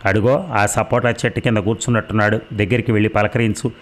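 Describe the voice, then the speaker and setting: A man's voice: on the low side, steady tone, quick pace, natural voice. A man voicing a talkative, fussing middle-aged village mother in a storybook reading. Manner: chatty, fussing.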